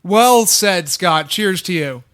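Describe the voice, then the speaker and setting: A man's voice: high voice, expressive, slow, a bit bright, dry recording, clean studio sound. A man hosting a podcast in casual chat, joking as he reads listener answers and steers the talk. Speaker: podcast host.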